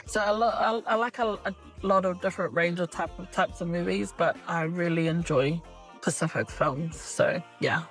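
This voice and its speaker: Low-voiced woman, an actress giving interview answers. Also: normal speed, soft background music. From New Zealand. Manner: relaxed, many fillers and restarts.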